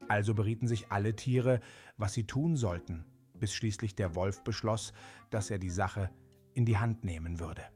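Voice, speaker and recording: A man narrating a children's animal fable in a gentle, unhurried way with small fillers. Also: on the low side, faint music behind. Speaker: storyteller.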